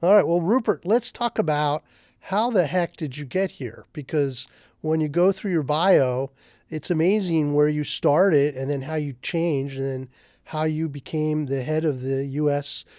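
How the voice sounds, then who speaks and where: A man's voice: on the high side, a little slow, a little mellow, no echo, studio quality. A man hosting a podcast, welcoming a guest and asking eager questions. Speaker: podcast host. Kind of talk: conversational podcast interview.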